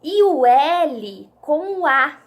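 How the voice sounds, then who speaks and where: A young Brazilian teacher with a high, lively voice talks slowly and patiently to small children. She stretches each syllable, sings out her questions and lets her pitch rise and fall widely as she explains. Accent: Brazilian Portuguese. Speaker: primary school teacher. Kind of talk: children's literacy lesson.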